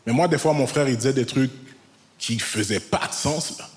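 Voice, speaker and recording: A man's voice: mid-range voice, moderate pace. A man doing stand-up, telling a childhood story in a conversational way with casual asides. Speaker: stand-up comedian. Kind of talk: stand-up routine. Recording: clear background noise.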